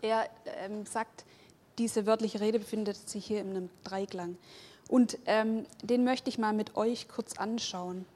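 A woman's voice: mid-range voice, steady tone, measured pace, warm tone. A woman preaching a sermon, speaking emphatically, stacking repeated phrases and putting questions straight to her listeners. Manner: addresses listeners directly with questions.

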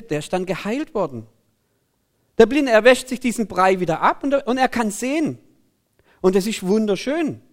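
Preacher guy, high voice, all over the place with pitch, chatty sermon with lots of hey and ja. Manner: animated, conversational, frequent 'hey' interjections.

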